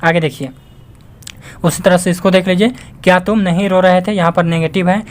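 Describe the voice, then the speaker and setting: A male teacher works through a grammar lesson in a steady, explaining voice. He keeps asking his own questions and answering them, repeating key words, and calls his viewers friends. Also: sits high, fairly quick. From Jharkhand, India. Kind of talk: classroom-style grammar lesson.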